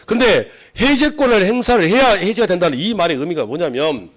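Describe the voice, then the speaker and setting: A middle-aged man lectures a classroom on civil law. His pitch sits a little high, and his voice swings widely as he acts out examples. He keeps firing questions at the students. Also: lively intonation, brisk. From South Korea.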